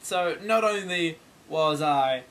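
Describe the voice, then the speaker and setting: A teenage boy vlogging a comic story about a shopping mishap, exasperated and swearing freely, acting out the people in it. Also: a little high. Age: teens. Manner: animated, exasperated, quick to swear, acts out other people's lines.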